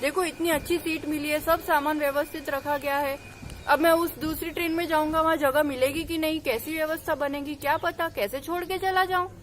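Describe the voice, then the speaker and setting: Woman doing anxious young traveler, fretful, pleading, high voice. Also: fairly even intonation, a little fast, a bit bright, slight background noise. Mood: anxious fretting. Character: distressed young man stuck on wrong train.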